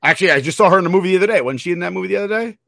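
Higher-voiced man co-hosting a podcast. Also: expressive, racing, gravelly, sharp tone, no echo, clean studio sound. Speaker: podcast co-host. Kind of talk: casual podcast chat.

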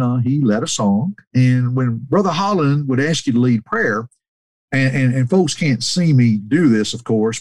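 A man spins casual anecdotes at a medium pitch. He restarts his sentences often and lifts his voice higher whenever he quotes someone. The recording is dry, with no room sound. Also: a little mellow, dry recording. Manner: restarts a lot, mimics quoted people in a higher voice.

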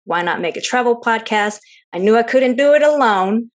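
A woman's voice: on the high side, animated, moderate pace. A young woman from Seattle, co-host of a travel podcast, chatting in an interview with lots of fillers and easy laughs. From Seattle, United States. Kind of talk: casual interview chat.

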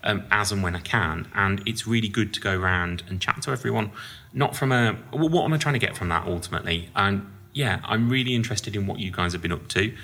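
A man's voice: on the low side, quick pace, sharp tone. A man who founded the company, talking through leadership in a casual podcast chat, reflective and full of restarts. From England. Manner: reflective, rambling with many restarts.

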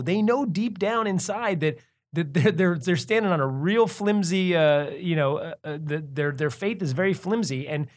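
A man chatting casually in anecdotes, blunt and sweary, acting out the dialogue he quotes. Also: a little high.

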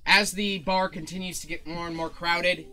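A man's voice: high voice, fairly even intonation, bright, forceful tone, slight background noise. Laid-back male game master. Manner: casual, laughs often, halting fillers. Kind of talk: narrating a tabletop game.

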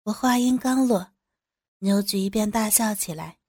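A woman's voice: medium pitch, a little slow, dark tone, breathy edge, no room sound, studio quality. A woman narrating an adult audio drama in the first person, turning flirtatious and teasing in her character's dialogue.

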